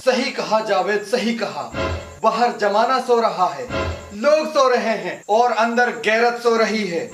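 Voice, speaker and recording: A gentle old blind father, heartbroken and pleading, as a man acts him out. He speaks poetically in a fairly high voice in a melodramatic audio drama. The voice has a roomy echo over soft music. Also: lively intonation, slow. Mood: bitter grief. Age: older. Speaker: voice actor.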